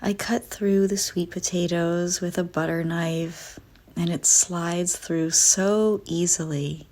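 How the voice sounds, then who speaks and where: A woman narrates a scripted guided visualization softly and soothingly, speaking deliberately with frequent pauses in a fairly low, steady voice.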